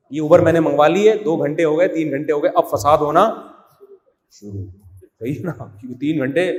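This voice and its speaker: A man giving a Friday sermon in a humorous, scolding way, acting out bits of dialogue. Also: fairly high pitch. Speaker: preacher. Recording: echoey hall.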